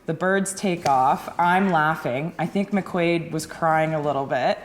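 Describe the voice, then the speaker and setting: A woman's voice: sits low, a little slow. A woman hunter telling a hunting story in a casual way, laughing often.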